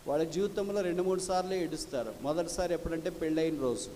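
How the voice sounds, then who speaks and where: A male preacher delivering a sermon, swinging between loud rhetorical questions and soft low passages, with English phrases mixed in. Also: quick pace, long reverb tail, a little hiss or hum.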